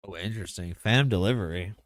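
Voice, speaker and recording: A man streaming live, chatting casually and excitably about game mechanics, rambling with lots of filler words. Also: low voice, fast, dry recording, clean studio sound.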